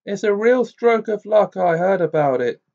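A man voicing a fast-talking bearded middle-aged wizard who speaks in a hurried, urgent way. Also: high-pitched, lively intonation, a little mellow, muffled recording, voice pushed up.

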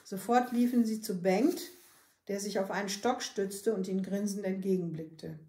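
A woman, a librarian, reading a children's book aloud with calm, steady storytelling. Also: mid-range voice, moderate pace, echoey room.

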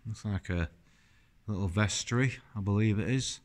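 A rambling, chatty man gives a casual walking-tour commentary. His voice sits fairly low, and he talks to the camera in an easy, admiring way. He is filming on a handheld phone inside an old stone church. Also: moderate pace. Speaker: vlogger.

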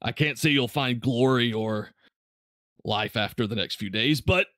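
A man's voice: medium pitch, unhurried, fairly bright tone, dry recording, studio quality, lightly acted. A man voicing a grave male leader of veteran riders who gives a serious, urgent warning. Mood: dry.

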